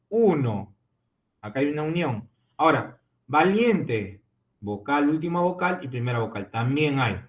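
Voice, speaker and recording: Man teaching over a tinny call. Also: fairly high pitch. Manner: explanatory, checks understanding with frequent "¿no?" and "¿ya?". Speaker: literature teacher. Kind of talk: online class lecture. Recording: tinny phone-like audio from an online call.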